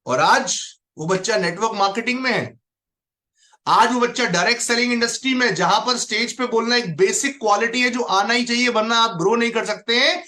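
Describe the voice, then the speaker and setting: A man with a very high voice gives a motivational training talk, his tone bright and forceful. He stresses each point by repeating it. He also calls out listeners by name as he goes. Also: fairly quick.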